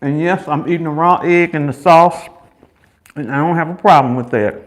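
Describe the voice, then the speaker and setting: A Chicago man hosts a mukbang, chatting casually and chewing between phrases in a folksy way, repeating himself for emphasis. His American voice is a little high and moves at a moderate pace.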